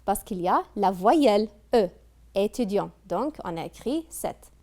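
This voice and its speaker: A woman leads a French grammar lesson at an unhurried, drawn-out pace. Her pitch rises and falls widely as she asks the class questions. She praises their answers as she goes. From Kuwait. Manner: slow, drawn-out teacher talk with lively pitch, prompting students. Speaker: French teacher.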